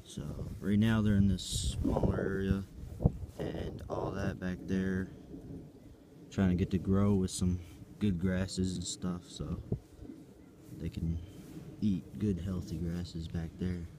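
A young man, a farm vlogger, gives a rambling, hesitant tour of his farm yard and woods outdoors, filming on a handheld phone and sounding unsure of his plans. His voice is low and flat, and he speaks slowly with long pauses over background noise.

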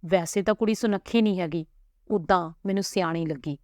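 Lady reading as a nosy blunt aunty, kinda sharp-tongued, dry sound. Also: lowish voice, brisk, dry recording, close to an everyday voice. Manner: blunt, prying. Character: blunt nosy older aunt.

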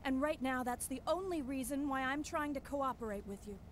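Actress voicing a high earnest survivor woman. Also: a little fast, slight background noise, lightly acted. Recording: game audio with loud music behind.

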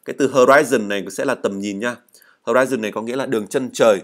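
A man leads an English speaking lesson at a middle pitch. He explains each word, reads model answers aloud and drills pronunciation, repeating words for students to say after him. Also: fast. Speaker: English teacher. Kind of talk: spoken language lesson.

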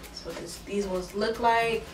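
A woman's voice: mid-range voice, steady tone, unhurried, recorded from a distance, soft background music. A young woman chatting casually through a clothing try-on in her bedroom, full of fillers and "y'all," tired and out of breath. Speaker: vlogger. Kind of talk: casual try-on haul chat. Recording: roomy echo, from off the mic.

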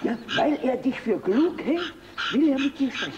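Whiny scared old peasant dad, squeaky high voice, hissy old film sound. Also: male voice, expressive, moderate pace, muffled recording. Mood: fussing. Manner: whiny, pleading, wailing. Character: poor, simple, fearful old peasant father. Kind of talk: 1970s film acting.

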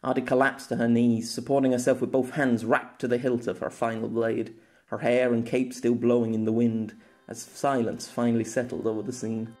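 A man narrates his own story as an audiobook, acting as both author and narrator. His mid-range voice stays steady and measured, with faint music in the background.

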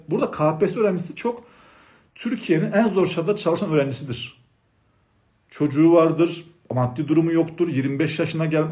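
An impassioned male math teacher addresses his students directly and repeats warnings over and over. His voice sits high and leaps around in pitch, so every sentence sounds animated and insistent. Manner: emphatic, scolding, repeats points insistently. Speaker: math teacher for exam prep. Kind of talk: passionate lecture-style talk to students.

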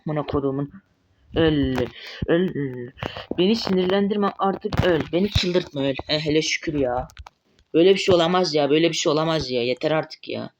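A man giving live gameplay commentary as a mobile game streamer, excitable and swearing often when frustrated. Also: on the high side, brisk, slight background noise.

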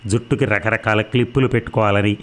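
Low-voiced man narrating a novel. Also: quick pace. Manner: steady, storytelling. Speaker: audiobook narrator. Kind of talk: reading a novel aloud.

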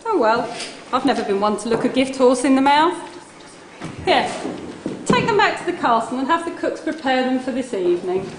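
A woman's voice: sits high, sing-song, normal speed. A woman playing a genial, regal young prince as a pantomime principal boy, with declamatory stage delivery. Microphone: far camera. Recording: echoey hall, slight noise.

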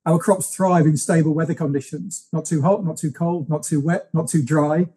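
Measured businesslike man, husky tone. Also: on the high side, steady tone, dark tone. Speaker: guest from a fruit company. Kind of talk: podcast interview answers.

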